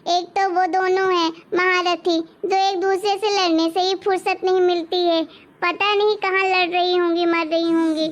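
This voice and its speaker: A woman's voice: very high voice, level tone, moderate pace. Woman voicing a fretful cartoon mother-in-law. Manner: complaining, scolding. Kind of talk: cartoon story voice acting.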